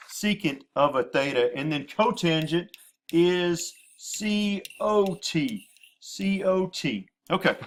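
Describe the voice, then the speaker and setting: A man's voice: a little high, a little hiss or hum. A man teaching a lesson at a whiteboard, patiently repeating terms and spelling out abbreviations. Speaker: math teacher. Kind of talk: classroom lecture at a whiteboard.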